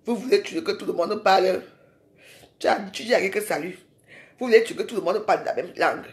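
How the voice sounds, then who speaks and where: A woman's voice: medium pitch, fairly quick. A woman ranting in a live social media video. She is confrontational and scolding and keeps firing rhetorical questions at her viewers.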